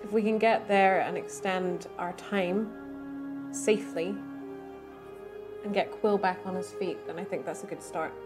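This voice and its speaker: A woman's voice: mid-range voice, fairly even intonation, unhurried, long pauses. Female tabletop player, mid register, casual in-game talk, music behind.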